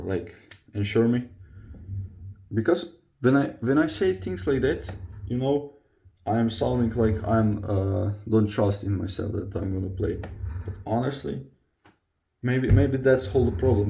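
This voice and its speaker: With a fairly low, gravelly, warm voice, a young Croatian man, a football player who vlogs, chats confessionally to camera. His English is non-native and accented, and he hesitates as he reaches for words.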